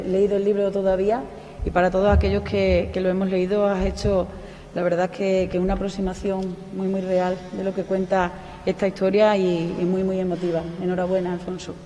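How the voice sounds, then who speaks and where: A woman presents the next speaker in a steady, even, flat delivery with small restarts. Her voice rings through a long-reverb hall over a faint hum of room noise. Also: mid-range voice. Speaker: mayor presenting the event. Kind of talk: formal event introduction. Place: cultural centre hall.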